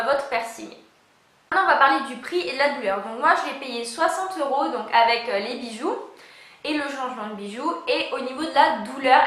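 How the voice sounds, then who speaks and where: A young woman speaks in a distinctly high voice, chatting informally to her viewers. Her explanations are hesitant, and a new tongue piercing slightly hampers her articulation. The sound is roomy, with clear echo around the voice. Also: a bit bright. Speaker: vlogger. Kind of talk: casual chat to camera. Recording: roomy, echoing home-video sound.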